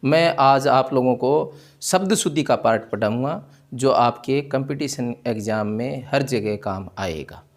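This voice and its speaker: A man teaching a spelling lesson, asking questions and then answering them by saying each word slowly. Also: medium pitch. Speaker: Hindi teacher. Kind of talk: classroom-style spelling lesson.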